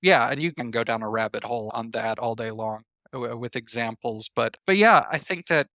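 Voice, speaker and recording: A writer appears as an interview guest, answering questions in a conversational, reflective manner and illustrating his points with examples and comparisons. His mid-range voice is expressive with a sharp tone at a moderate pace, captured in clean studio sound without echo.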